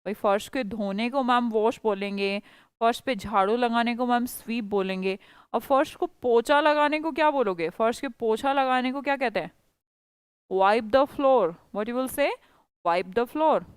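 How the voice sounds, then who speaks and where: A woman's voice: on the high side, normal speed, clean tone, dry recording, studio quality. A woman teaching a spoken English class, coaxing students and quizzing them by repeating phrases.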